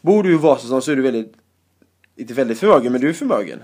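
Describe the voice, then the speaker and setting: A male stand-up comedian being interviewed, telling lively anecdotes in casual chat and often laughing. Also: medium pitch.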